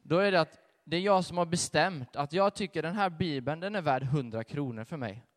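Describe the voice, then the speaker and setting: A young man giving a sermon with a personal testimony, telling his story in a conversational, animated way. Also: a little high. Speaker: preacher. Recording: long hall reverb.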